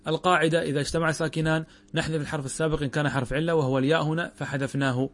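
Male sheikh teaching a classroom grammar lesson. Slightly high voice, methodical, drawls out example words. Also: little pitch movement, rapid-fire. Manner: explains step by step, asks and answers his own questions.

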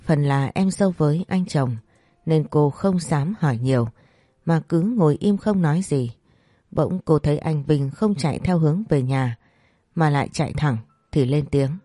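A woman narrating a scripted story in an even, measured reading voice. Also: low-pitched, no room sound, studio quality.

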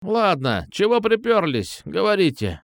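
A crude, bossy old hitwoman, as a male reader puts her on, with a rattling voice that swings a lot in pitch. Dry, close recording. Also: very animated, unhurried, creaky, no echo, exaggerated voice. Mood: gruff. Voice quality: rattling, low and bassy. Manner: threatening, crude, commanding. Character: elderly female hitwoman, gruff and bossy. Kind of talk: audiobook narration.

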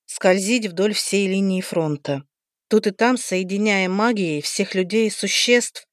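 Female narrator, mid-pitched, reading fantasy in first person; dry close-mic sound. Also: dry recording. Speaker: audiobook narrator.

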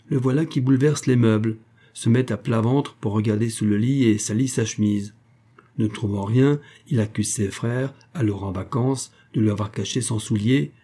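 A man narrating a classic children's story in a measured, expressive storytelling manner. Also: medium pitch.

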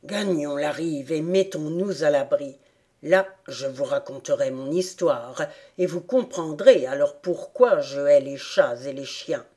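A woman reading an audiobook, voicing a frightened, indignant male rat in a low voice. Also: measured pace, warm tone. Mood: shaken.

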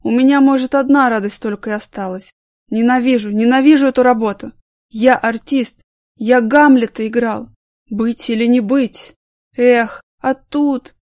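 A bitter, drunken former stage actor bellows and slurs his grievances, put on by a woman reader. His voice sits high and loud with a dry, close sound. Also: steady tone, moderate pace, no room sound, lightly acted. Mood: drunken rant. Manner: slurred, shouting, self-pitying. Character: drunk bitter male ex-theatre actor, middle-aged.

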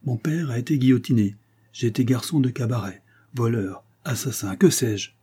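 A man's voice: mid-range voice, animated, moderate pace, warm tone, husky. A man reading the part of a scheming young male bandit in an audiobook, speaking in a mocking, carefree tone.

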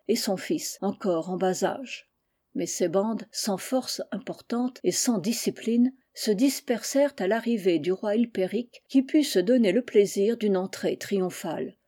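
A woman reading a historical tale aloud as scripted audiobook narration, measured and even. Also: mid-range voice. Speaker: audiobook reader.

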